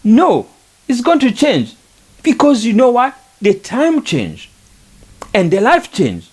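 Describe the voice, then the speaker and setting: A man's voice: very high voice, huge pitch swings, slow, darkish tone, husky. A middle-aged man, speaking on a podcast in an earnest, repetitive, preaching manner about faith and culture. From Rwanda. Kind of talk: reflective monologue on faith and culture.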